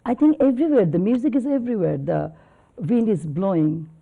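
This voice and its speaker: A woman's voice: medium pitch, expressive, fairly quick, vocal fry, slightly rough, narrow, tinny audio. A woman in her fifties, a classical singer talking earnestly in an interview with loose, rambling phrasing. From Bangladesh. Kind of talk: conversational interview.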